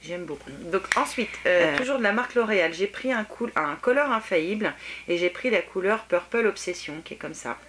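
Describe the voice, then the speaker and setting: A woman's voice: medium pitch, animated, fairly quick, a bit bright, slight background noise. A French woman vlogging a casual makeup review, chatty and hesitant with many fillers, eager about the products. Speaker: beauty vlogger.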